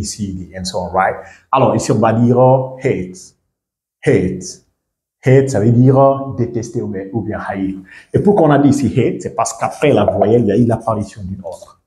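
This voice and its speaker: A man teaching English pronunciation in French, repeating each English word slowly and often checking whether listeners understand. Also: mid-range voice, warm tone, echoey room. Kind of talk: language lesson.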